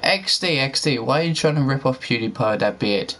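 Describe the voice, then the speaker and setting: A man's voice: mid-range voice, expressive, a little fast, fairly bright tone. A man gaming with friends, rambling and repeating himself, laughing easily. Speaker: gamer. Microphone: broken headset.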